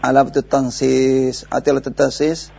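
Gravelly-voiced Indonesian grammar teacher. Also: male voice, medium pitch, flat delivery, moderate pace, mellow. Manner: patient, explains and quizzes the student step by step. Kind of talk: live recorded Arabic lesson taught in Indonesian. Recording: dull lo-fi radio broadcast with faint hiss.

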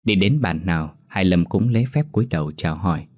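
A man narrating a story in a steady, measured way. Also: deep voice, no echo, studio quality.

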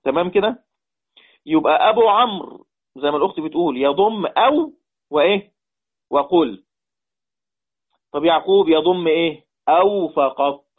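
A man's voice: on the high side, moderate pace, long pauses. A man with an Egyptian Arabic accent teaching a Quran recitation lesson. He repeats points and quizzes his students. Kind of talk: online lesson explaining readings. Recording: tinny phone-like line.

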